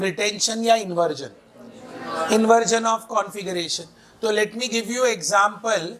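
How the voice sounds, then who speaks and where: A man's voice: high-pitched, fairly bright tone. A man teaching chemistry in a classroom lecture, quizzing students with repeated questions and mixing in playful breakup jokes.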